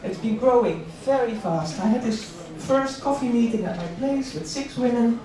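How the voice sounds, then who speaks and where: Heard through a distant microphone in an echoey hall full of audience sound, a middle-aged Dutch woman gives a conversational, personal career talk with slides. She is the invited speaker at a career event, held in a large room at an employment event. Her fairly high voice has lively intonation and a moderate pace, and she uses repeated words for emphasis.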